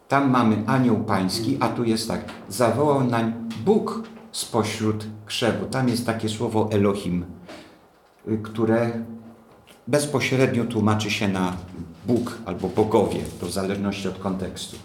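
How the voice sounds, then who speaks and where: Man preaching, low voice, slow deliberate delivery, rhetorical questions, roomy echo, faint hum. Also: a little mellow. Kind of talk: teaching sermon, Bible study. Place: church hall.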